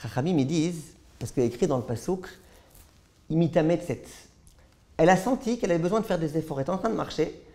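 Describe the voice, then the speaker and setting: A rabbi teaches a Torah class in front of a live audience, his voice gravelly and pitched a little high for a man. He tells stories in a lively way and often trips into repeated words mid-sentence. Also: quick pace. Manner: lively storyteller who stumbles into repeated words. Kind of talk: storytelling Torah lesson.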